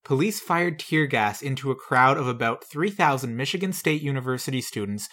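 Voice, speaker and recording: A man's voice: medium pitch, lively intonation, a little fast, bright, forceful tone. A man co-hosting a casual podcast, reading old news items aloud and adding dry, wry comments. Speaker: podcast co-host.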